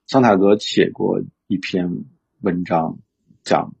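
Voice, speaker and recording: A man's voice: low-pitched, steady tone, slow, vocal fry, darkish tone, breathy edge. A man talking reflectively in casual conversation, with many fillers and restarts. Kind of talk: casual conversational discussion about books. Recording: dull lo-fi sound.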